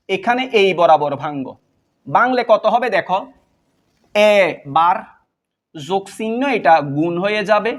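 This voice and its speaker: A male teacher working through a math lesson step by step, often asking a question and then answering it himself. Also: high-pitched.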